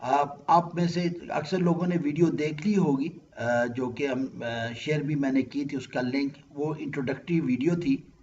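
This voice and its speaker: Male teacher, patient and questioning, fairly high voice, slightly dull call audio. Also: measured pace, a little mellow. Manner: patient, asks students questions and checks understanding. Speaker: Arabic grammar teacher. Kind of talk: online interactive class.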